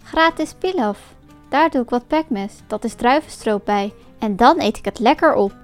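A greedy, scheming syrup peddler from a folk tale , voiced by a woman storyteller. He gloats smugly and slowly to himself. Faint music runs underneath. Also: fairly high pitch, animated, natural voice. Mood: gloating.

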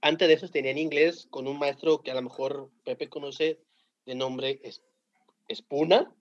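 A Mexican man, a teacher, telling animated anecdotes in slangy casual talk with a Mexican accent and frequent laughter. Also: mid-range voice, moderate pace. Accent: Mexican Spanish. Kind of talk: casual podcast storytelling. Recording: dull lo-fi sound.

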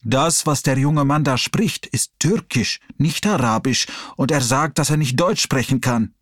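A man doing a calm, kindly old man. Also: medium pitch, no room sound, studio quality, close to an everyday voice. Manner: slow, gentle, unhurried.

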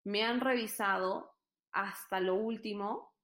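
A woman's voice: mid-range voice, fairly even intonation, takes it slowly, a bit bright. A Peruvian woman telling stories in a casual chat, earnest and full of fillers. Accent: Peruvian Spanish. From Peru. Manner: hesitant, many fillers, earnest storytelling.

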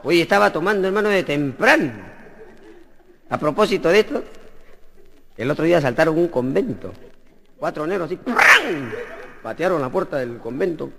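A man telling jokes as a stand-up comedian, animated and chuckling. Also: fairly high pitch, moderate pace, creaky, long pauses, long reverb tail, crowd noise. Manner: animated, jumps into voices, chuckles. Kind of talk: joke telling to an audience.

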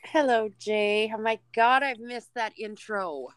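A woman's voice: fairly high pitch, a little slow, fairly bright tone, clean tone, no room sound. A woman cohosting a podcast, greeting the host in casual, friendly chat.

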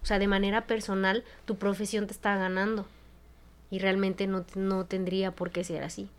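A woman's voice: mid-range voice, flat delivery, moderate pace. A woman with a Mexican accent, a psychologist co-hosting a casual podcast chat, talking frankly and expressively and swearing freely. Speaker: psychologist co-host.

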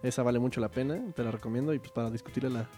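Slangy Mexican man with a mid-pitched voice. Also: fairly even intonation, rapid-fire, dark tone, faint music behind. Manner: opinionated, heavily slangy, profane. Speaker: podcast co-host. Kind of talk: casual chat about films.

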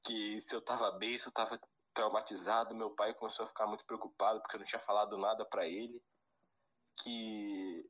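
Brazilian teen guy, low voice, casual slangy story time. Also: low-quality recording. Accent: Brazilian Portuguese. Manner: slangy, animated when quoting.

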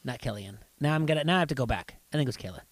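A middle-aged man in loose, rambling chat, often restarting sentences and getting lively when he retells scenes. His voice sits at an ordinary middle pitch. The recording is dry and close, with no room sound. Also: rapid-fire, no room sound. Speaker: podcast co-host. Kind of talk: casual chat.

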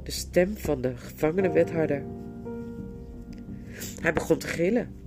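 A woman narrating a storybook in an expressive, lively reading. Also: low voice, a little slow, music in the background. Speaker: audiobook narrator.

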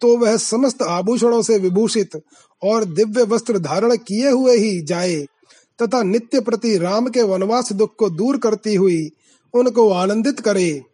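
A man reciting scripture verses in a chanting manner, then reading out their translation in a measured way. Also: high voice, mellow, breathy edge. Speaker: scripture reader.

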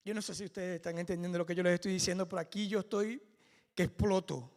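Impassioned high-voiced male preacher. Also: fairly even intonation, fast talker. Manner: impassioned, rising to near-shouting climaxes. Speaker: pastor. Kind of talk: preaching a sermon. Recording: long hall reverb.

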